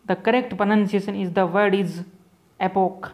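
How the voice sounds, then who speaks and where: A man teaching an exam-prep vocabulary lesson, explaining each word slowly and repeating points, with English terms mixed into Hindi. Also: sits high, little pitch movement, darkish tone.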